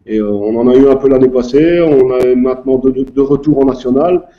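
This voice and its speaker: A man's voice: medium pitch, fairly quick, dull audio. A man, a club official answering interview questions hesitantly, with many fillers. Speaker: guest, youth club president.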